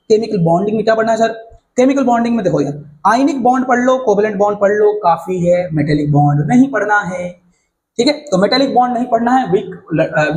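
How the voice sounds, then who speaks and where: A male teacher walking students through a syllabus in a casual, fast-talking way, often checking that they follow. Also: sits high, a little mellow, poor audio. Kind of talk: casual syllabus walkthrough lesson.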